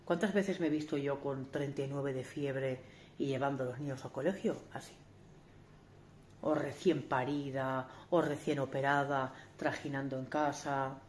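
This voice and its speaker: A woman's voice: rumbling low, steady tone, moderate pace, a little mellow, a little hiss or hum. A woman in her forties vlogging to camera in a candid, emphatic way, often restarting and asking rhetorical questions. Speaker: family vlogger. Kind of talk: talking to camera.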